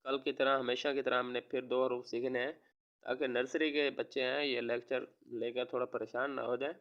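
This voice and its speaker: A man from Pakistan, a teacher giving a recorded lesson to young children, slowly spelling out words and repeating them. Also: medium pitch, level tone, muffled recording. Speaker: online school teacher.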